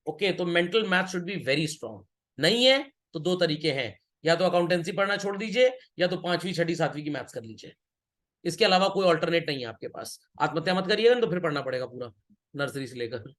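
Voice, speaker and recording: A man's voice: sits high, lively intonation, a little fast, fairly bright tone. A man teaching an accountancy class, joking and teasing his students as he works through problems, switching between Hindi and English. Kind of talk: classroom lecture.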